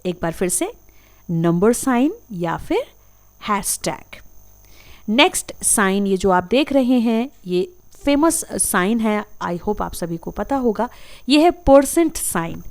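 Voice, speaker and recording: A woman's voice: medium pitch, very animated, unhurried. A woman, teaching a vocabulary lesson as a voice-over for slides, patiently saying each term and repeating it with care. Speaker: English teacher. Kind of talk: slow explanatory lesson.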